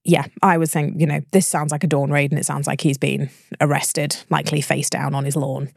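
A woman's voice: deep voice, level tone, a little fast, gravelly, no echo, clean studio sound. A woman co-hosting a workplace podcast, explaining cases at length in casual chat and laughing easily. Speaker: podcast co-host, HR adviser.

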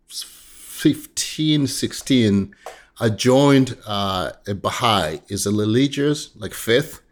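A man from Tanzania, a guest in a casual interview, talking haltingly with frequent restarts and laughter. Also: medium pitch.

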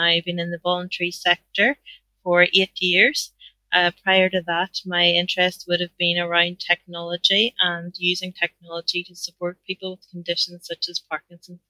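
Woman, charity manager; very bright tone, monotone, dry. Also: lowish voice, moderate pace, no echo, low-quality recording. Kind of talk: panel self-introduction.

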